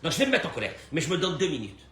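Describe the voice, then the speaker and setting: A man teaching a Torah lesson as a rabbi, animated, swinging from hushed to loud and acting out short dialogues. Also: on the high side, racing. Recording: echoey room with faint noise.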